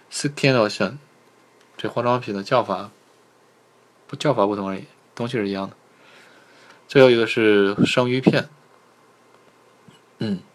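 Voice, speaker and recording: A male language teacher giving a livestreamed pronunciation lesson, patiently sounding out syllables and repeating them slowly. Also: fairly low pitch. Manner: patient, repeats syllables slowly, asks viewers to type in chat.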